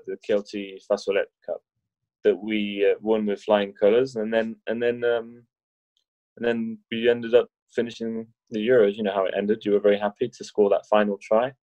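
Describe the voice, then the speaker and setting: A man's voice: fairly low pitch, flat delivery, moderate pace, a little mellow, dry recording, highs cut off. A man, a wheelchair rugby league player, chatting casually as a guest and telling stories with restarts and jokes. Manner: rambling, many restarts, jokey. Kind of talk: casual chat.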